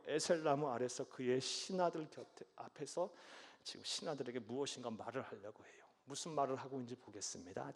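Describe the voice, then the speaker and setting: A man preaches a sermon in a slightly high voice, asking his congregation questions and answering them himself with a short "yes." His words carry through a church sanctuary with a long reverb tail. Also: creaky, a little mellow. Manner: asks the congregation questions, affirming "예" often. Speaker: pastor.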